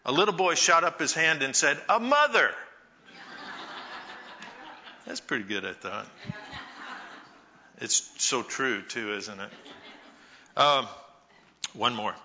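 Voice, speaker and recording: A man giving a Mother's Day talk to a church congregation, telling folksy stories with pauses. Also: medium pitch, animated, bright, forceful tone, lo-fi sound. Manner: slow, folksy storytelling with pauses. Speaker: church speaker.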